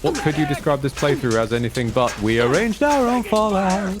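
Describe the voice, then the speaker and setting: A man's voice: a little high, expressive, fairly quick, music in the background. A man co-hosting a game stream in casual banter, rambling and joking in a wry way. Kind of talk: casual gaming banter and commentary.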